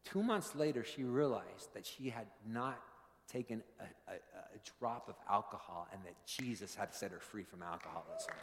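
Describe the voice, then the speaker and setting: A man who is a pastor, giving a sermon full of personal stories that builds to fervent, animated preaching in a church. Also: fairly low pitch, moderate pace, gravelly, slight background noise. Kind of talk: sermon with storytelling. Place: church sanctuary. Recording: long reverb of a large hall.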